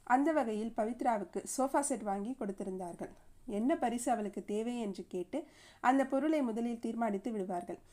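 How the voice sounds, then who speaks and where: Female audiobook narrator, steady expressive delivery, higher mellow voice. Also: moderate pace. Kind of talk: scripted narration of a novel.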